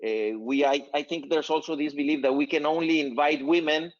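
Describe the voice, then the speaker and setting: A man, hosting a casual panel chat over a video call and speaking in a measured way with many fillers. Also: on the high side, steady tone, highs cut off. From northern Mexico. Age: 50s. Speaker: company CEO and host.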